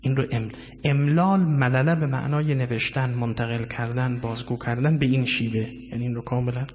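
A man giving a measured lecture on word origins, drawing out key words and reciting Arabic phrases. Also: medium pitch, steady tone. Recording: dull lo-fi sound with long hall reverb.

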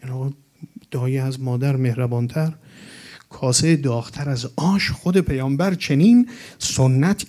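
A man preaching to a gathering, delivering a religious lecture in an emphatic way and reciting Arabic quotations. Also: medium pitch. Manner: emphatic, rising to animated peaks with Arabic quotations.

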